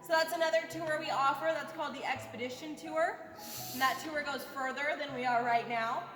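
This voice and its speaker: High-voiced woman guiding a tour, echoing cave. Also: steady tone, brisk. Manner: jokey, folksy. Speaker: tour guide. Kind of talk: guided tour commentary. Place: inside a large underground cavern. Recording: echoey cave reverb, music behind.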